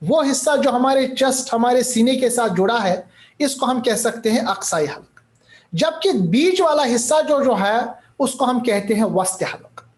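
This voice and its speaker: A man's voice: very high-pitched, expressive. Patient man teaching recitation sounds. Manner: patient and repetitive, demonstrates sounds slowly; mixes English terms into his explanations. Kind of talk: recorded lecture.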